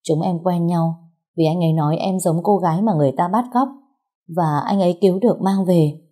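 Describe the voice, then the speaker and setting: A woman's voice: fairly low pitch, a little fast, dark tone, close to an everyday voice. A woman voicing a tearful, pregnant young woman who pleads with her older sister. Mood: tearful pleading. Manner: sobbing, pleading.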